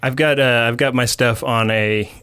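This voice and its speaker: A man co-hosting a podcast in casual chat, speaking into a boom microphone. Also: fairly even intonation, moderate pace, bright, forceful tone, clear, resonant tone. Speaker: podcast co-host. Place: bathtub in a home bathroom.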